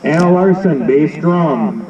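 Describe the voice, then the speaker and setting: A man with a slightly raised voice reads a roster over an outdoor stadium loudspeaker in a steady, measured way. The sound is old camcorder audio, dull and muffled, with the voice echoing from far across the field. A crowd murmurs throughout. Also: a little high. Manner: steady, measured reading of names. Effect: announced over a stadium loudspeaker. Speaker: stadium announcer. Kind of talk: formal roster announcement. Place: outdoor high school stadium. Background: crowd noise.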